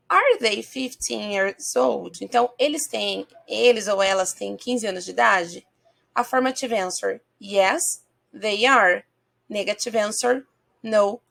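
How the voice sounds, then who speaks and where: A woman with a Brazilian Portuguese accent gives a patient English lesson on video. Her voice sits a little high with a noticeable gravelly fry. She keeps checking in with her viewers and slows down to model each phrase. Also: a bit bright. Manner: patient, checks in often with listeners. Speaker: English teacher.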